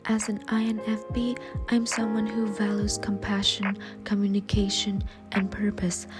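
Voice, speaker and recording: A young woman from Vietnam, a postgraduate student, reading a reflective personal narration in a soft, often near-whispered voice over faint music. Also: medium pitch, monotone, normal speed.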